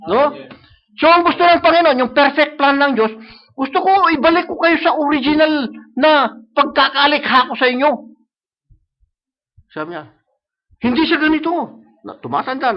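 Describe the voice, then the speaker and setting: A man with a Filipino accent preaching a sermon, switching between Tagalog and English and often asking "no?" to the congregation. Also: high voice. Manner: mixes Tagalog and English, repeats "sabi niya" and "no?". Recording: dull lo-fi live stream audio.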